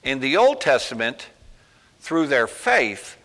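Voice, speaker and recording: A man preaches in a slow, folksy storytelling manner, with casual asides between emphatic points. His voice is bright and forceful. A long reverb from the hall follows his words. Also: mid-range voice, very animated. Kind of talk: sermon.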